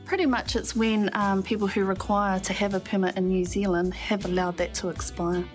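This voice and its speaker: A woman official gives interview answers in a measured, formal manner. Her voice sits mid-range, with faint music behind. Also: mid-range voice, level tone. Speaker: immigration official.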